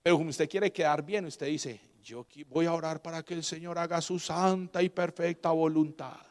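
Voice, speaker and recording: A Colombian man preaching a sermon as a guest pastor, emphatic and swinging between loud and quiet, throwing call-and-response questions to the congregation. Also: a little high, fairly even intonation, moderate pace, long reverb tail.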